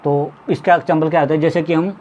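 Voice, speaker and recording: A man's voice: fairly high pitch, little pitch movement, darkish tone. A man teaching a lesson to students, stretching out vowel sounds as examples, repeating a check-in phrase, and coughing now and then. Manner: drawn-out vowel demonstrations, repeats "ठीक है". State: occasional coughing. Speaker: Hindi teacher. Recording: slightly dull lo-fi audio with faint background noise.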